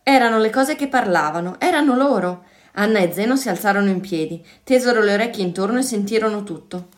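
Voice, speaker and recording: A woman reading a children's story aloud in an expressive, playful way. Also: medium pitch, fast.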